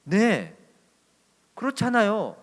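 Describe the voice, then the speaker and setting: A man's voice: high voice, wildly swooping pitch, takes it slowly, long reverb tail, pitched above the performer's own voice, exaggerated voice. A male pastor voicing a disappointed churchgoer who complains in an indignant, whiny way. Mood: aggrieved.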